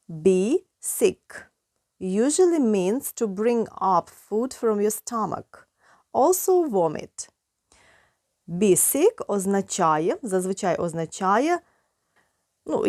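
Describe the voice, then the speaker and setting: A woman with a Ukrainian accent teaching a beginner English lesson, explaining slowly and clearly. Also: medium pitch, a little mellow, no echo, studio quality.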